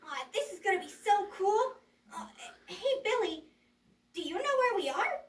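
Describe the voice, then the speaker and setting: A performer voicing a childlike, excitable puppet in a children's show, exclaiming and stammering, easily frightened. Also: very high-pitched, normal speed. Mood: eager. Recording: roomy echo, distant mic.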